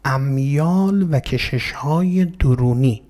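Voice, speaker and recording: A man's voice: mid-range voice, mellow. A man giving an explanatory religious talk. He poses rhetorical questions, answers them himself, and addresses his listeners politely. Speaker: religious lecturer.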